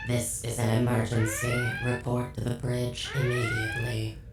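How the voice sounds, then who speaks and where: A computer-generated male voice playing a starship computer, making a stiff, clipped ship-wide loudspeaker announcement that repeats its orders. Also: medium pitch, huge pitch swings, moderate pace. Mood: urgent. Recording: roomy, distant, loud music behind.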